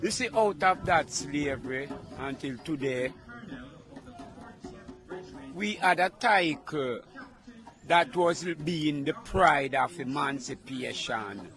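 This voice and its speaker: Slow-talking Jamaican man, Rasta speech. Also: a little high, animated, fairly bright tone. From Trench Town, Jamaica. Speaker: interviewee. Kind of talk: Rasta speech, informal oral history in an interview.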